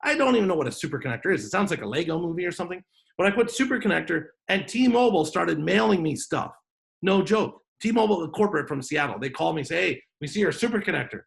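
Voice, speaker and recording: A man's voice: high voice, lively intonation, fast, gravelly. A man hosting an online business workshop over a video call, talking in a joking, off-the-cuff way. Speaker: workshop host.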